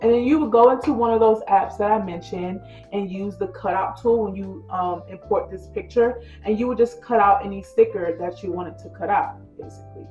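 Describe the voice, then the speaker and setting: A lifestyle vlogger with a medium-pitched voice gives a casual tutorial, talking a little fast with hardly any pauses. She's chatty, full of fillers, a bit congested from a cold, and calls viewers "girl" and "you guys." The recording is dull and roomy, with soft music.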